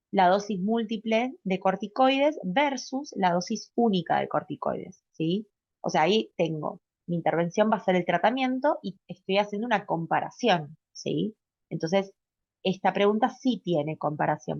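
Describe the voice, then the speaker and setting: A woman's voice: mid-range voice, a little mellow, no echo, muffled recording. A woman giving a recorded medical class lecture, explaining step by step and often checking in with a rising "¿sí?". She uses fillers and corrects herself mid-word. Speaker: pediatric residency lecturer.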